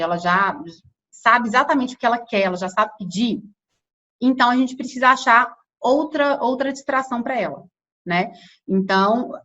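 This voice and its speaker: A woman's voice: on the high side, a bit bright, dull audio. A woman with a Brazilian Portuguese accent, an infant sleep consultant giving an online workshop lesson in a conversational way, often checking in with her listeners. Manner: conversational, frequent tag questions.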